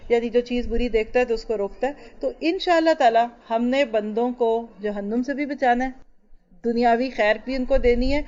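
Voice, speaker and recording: A woman teacher lectures on faith with an emphatic, questioning delivery. Her voice sits a little high. The recording sounds dull and lo-fi. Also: darkish tone, slight background noise. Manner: emphatic, asks the listeners rhetorical questions. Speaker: Islamic teacher. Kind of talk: religious lecture.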